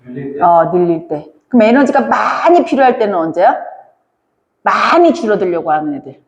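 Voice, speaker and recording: A woman's voice: mid-range voice, sing-song, brisk, dull audio. A woman teacher giving an online lecture, asking her students questions and answering them herself. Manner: often addresses listeners as kids. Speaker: Korean language teacher. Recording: echoey room with long reverb.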